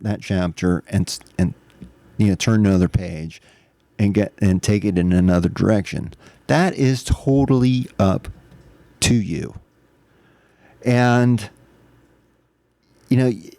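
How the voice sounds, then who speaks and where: A man's voice: fairly low pitch, warm tone, no room sound. A man hosting his own podcast, telling a personal story in a candid, earnest, self-reflective way in casual monologue. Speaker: podcast host.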